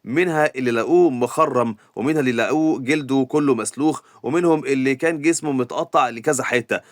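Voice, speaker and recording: A man voicing a shrewd, talkative male mafia advisor in Egyptian Arabic, explaining at length in a slightly lower voice. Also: quick pace, no room sound, clean studio sound, lightly acted.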